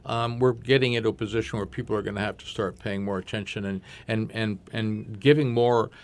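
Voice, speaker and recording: A man's voice: on the low side, steady tone, brisk. A man hosting a community talk radio show, speaking earnestly and repeating words as he thinks.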